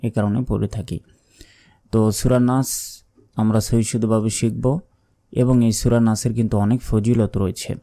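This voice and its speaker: A man teaching Quran recitation, explaining each sound slowly and chanting the verses in long drawn-out tones. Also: lowish voice, dark tone, dry recording, studio quality. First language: Bengali. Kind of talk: slow step-by-step recitation lesson.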